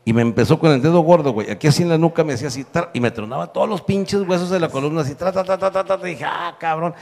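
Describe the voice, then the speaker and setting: A man's voice: fairly high pitch, fast, darkish tone, in a large hall. A man in his sixties from northern Mexico, with a northern Mexican accent, telling a crude, profane stand-up story and laughing through the punchlines. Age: 60s. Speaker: comedian.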